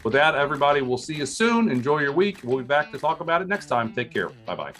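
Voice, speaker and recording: A man's voice: fairly high pitch, sing-song, fast talker, fairly bright tone, soft background music. A man from Ohio with an American accent, hosting a podcast in a casual, informal, rambling way. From Ohio, United States. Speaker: podcast host. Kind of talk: casual chat.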